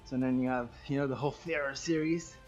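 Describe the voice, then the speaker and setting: A man teaching a martial arts kicking class, counting reps loudly and chatting and joking with students between sets. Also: mid-range voice, fairly even intonation, fast, highs cut off, faint music behind. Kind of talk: leading a live kicking workout class.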